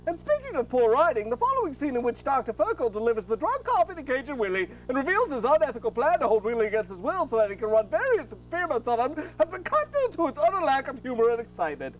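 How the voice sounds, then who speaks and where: A woman narrating a scripted comic serial with wry, deadpan asides. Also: high voice, fast talker, hardly any pauses, low-quality recording. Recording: faint hum and hiss.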